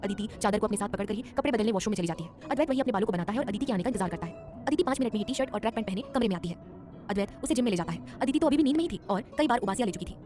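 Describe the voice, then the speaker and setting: A woman narrating a scripted audio drama, reading the story in a rapid, even way. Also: medium pitch. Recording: narration over background music.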